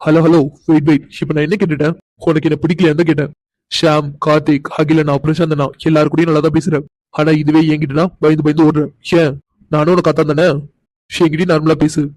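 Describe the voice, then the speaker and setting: A man's voice: a little high, little pitch movement, fast, a little mellow, no echo, lightly acted, low-quality recording. A man voicing an insistent, doting young man in a cartoon, coaxing and pressing for answers. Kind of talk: cartoon voice acting.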